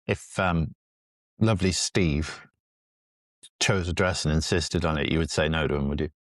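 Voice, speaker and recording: A man's voice: rumbling low, moderate pace, no echo, studio quality. A man with a Geordie accent hosting a podcast, chatting playfully and teasing his co-host. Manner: playful, teasing, mock-old-fashioned wording. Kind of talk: casual chat.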